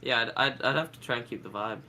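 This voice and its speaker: A man's voice: mid-range voice, fast talker, bright, forceful tone. A man with a stuffy nose from a cold, chatting casually on a game stream. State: congested with a head cold, blocked nose. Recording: clear background noise.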